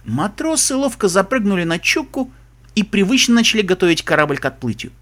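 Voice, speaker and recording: A man reads a story aloud with a lively, swinging delivery and a bright, clear tone. His narration is expressive and carries the scenes along. The pitch sits a little high for a man. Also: brisk. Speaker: audiobook narrator. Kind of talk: scripted narration.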